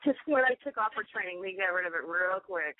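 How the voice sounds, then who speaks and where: A woman from Tennessee, a singer and guest, chatting easily on the phone, laughing often and filling pauses with lots of ums. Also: fairly low pitch, animated, dry recording. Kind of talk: phone interview chat. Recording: tinny phone line.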